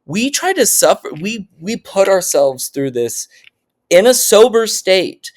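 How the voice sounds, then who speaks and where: This Oklahoma man, guest co-hosting a relaxed podcast, spins meandering stories full of restarts and laughter. He speaks high and unhurried, his pitch swinging widely.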